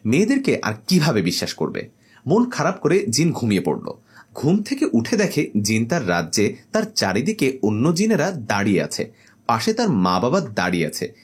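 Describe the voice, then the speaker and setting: A man narrating a scripted comic horror story in an animated, playful way. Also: mid-range voice, moderate pace, breathy edge.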